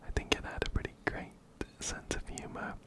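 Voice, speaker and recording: Hosting an ASMR video, this man plays through a game in a soft, breathy whisper, unhurried and prone to repeating words and phrases. He's recorded up close on a binaural microphone that spans ear to ear.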